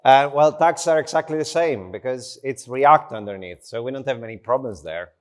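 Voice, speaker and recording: A man speaking English as a second language gives a conversational tech talk at a slow, unhurried pace, informal and self-deprecating. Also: medium pitch. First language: not English. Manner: unhurried, slow delivery with short phrases. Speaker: conference speaker. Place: conference stage in front of an audience.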